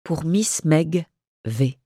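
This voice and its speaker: A narrator reading a story aloud in a measured, theatrical way. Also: medium pitch, expressive, warm tone, no echo, clean studio sound. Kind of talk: scripted narration.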